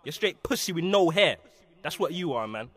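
A man, loudly mocking rivals in a diss skit with stammering repeats. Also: on the high side, expressive, normal speed. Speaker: rapper.

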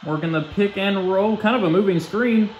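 Young guy doing casual play-by-play over a video game, short clipped calls, kinda high voice, roomy echo. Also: lo-fi sound. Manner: quick clipped play-by-play phrases. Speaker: youtuber commentating a game simulation.

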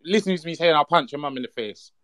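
High-pitched confrontational young man. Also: rapid-fire, a crowd in the background. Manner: confrontational, repetitive threats, talks over others. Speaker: guest. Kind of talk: heated casual banter.

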